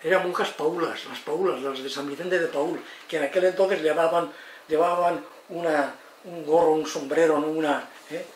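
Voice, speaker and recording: A man's voice: on the high side, normal speed. Older man lecturing, distant and roomy. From Spain. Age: 80s. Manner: expressive, tag questions, acts out quotes. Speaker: lecturer on psychology and education. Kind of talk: lively lecture talk. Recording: roomy, distant mic, faint noise.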